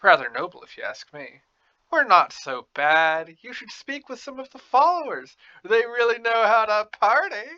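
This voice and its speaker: A man voicing an ingratiating necromancer ambassador from a fantasy game, halting and eager to persuade. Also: sits high, very animated, pushed and bright, dry recording, muffled recording, pitched above the performer's own voice, heavily acted.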